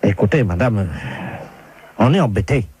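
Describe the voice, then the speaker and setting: A man's voice: lowish voice, lively intonation, moderate pace, a little mellow, slightly rough. A man making a prank call, apologetic and mock-embarrassed. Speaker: phone prankster.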